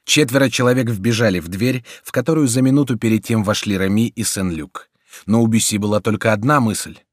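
A man narrating a historical adventure audiobook in a dramatic, measured reading. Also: on the low side, no room sound, clean studio sound. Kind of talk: scripted narration.

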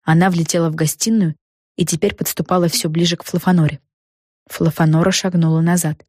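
A woman reading a children's book aloud with lively, expressive storytelling. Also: on the low side, a little fast, no echo, studio quality. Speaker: audiobook narrator. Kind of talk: scripted narration.

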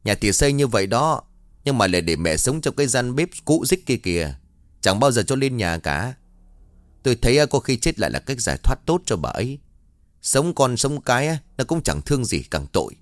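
A man's voice: medium pitch, very animated, brisk, no room sound, close to an everyday voice. A man voicing a blunt older village woman who judges her neighbours scornfully. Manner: blunt, tongue-clicking, judgmental.

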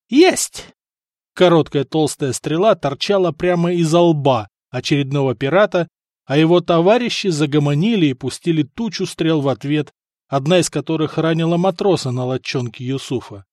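A man reading an adventure audiobook as narrator, in a lively, dramatic way. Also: fairly high pitch, no room sound, clean studio sound. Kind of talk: scripted narration.

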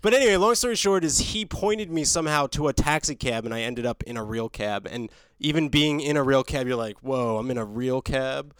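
A man's voice: fairly high pitch, animated, a little fast, few pauses, a bit bright, clear, resonant tone, dry recording, studio quality. A man co-hosting a casual podcast chat, telling a rambling story and chuckling at himself. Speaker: podcast co-host.

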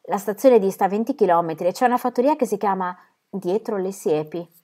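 A woman narrating a novel as an audiobook reader, with a measured, expressive delivery. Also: medium pitch. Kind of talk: scripted literary narration.

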